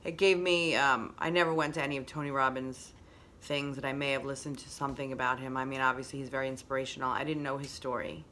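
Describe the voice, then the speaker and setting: A woman's voice: a bass voice, level tone, fast talker, few pauses, fairly bright tone, a little hiss or hum. A woman hosting a casual motivational monologue, reflective and repeating phrases for emphasis. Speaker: host.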